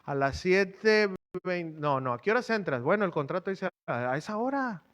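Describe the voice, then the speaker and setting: A man's voice: high voice, big pitch swings, normal speed, a bit bright. A middle-aged man preaching a sermon, questioning the congregation in a conversational way. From Mexico. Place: church.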